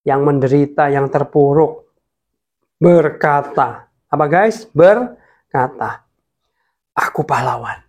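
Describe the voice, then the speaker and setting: A man preaching a casual, lively sermon, sometimes dropping to a whisper for emphasis. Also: on the high side. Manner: lively, drops to whispers for emphasis, mixes in English.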